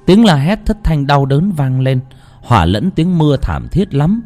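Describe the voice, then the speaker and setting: A man narrating a ghost story in a dramatic, hushed storytelling manner. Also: fairly high pitch, big pitch swings, a little slow, soft background music.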